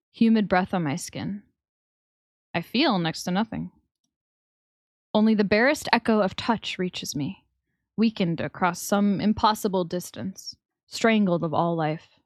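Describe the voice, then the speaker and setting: A young woman streamer reading a story game aloud with slow, expressive narration. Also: mid-range voice, no room sound, studio quality.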